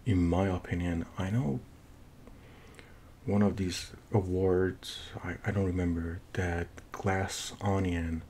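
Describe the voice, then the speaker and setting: A middle-aged man with a thick Persian accent talks through a casual film review in a low, fairly flat voice. He goes slowly and haltingly, restarting phrases as he hunts for words. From Iran. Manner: halting, searching for words with repeated false starts. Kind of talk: casual unscripted movie review. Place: small home office, indoors. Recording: noisy room recording with low rumble.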